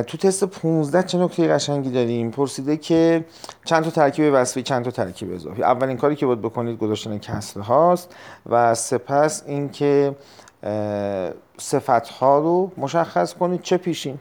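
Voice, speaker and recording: A man teaching a recorded test-prep lesson, explaining step by step, repeating key terms and clearing his throat often. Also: mid-range voice, lively intonation, darkish tone. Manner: frequent throat clearing and hesitations.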